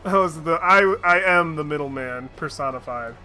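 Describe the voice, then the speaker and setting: Fairly high-pitched, bright and pushed, a man's voice moves at normal speed as he streams a fantasy game. His casual gameplay commentary mixes jokes, swearing, and quest lines read aloud.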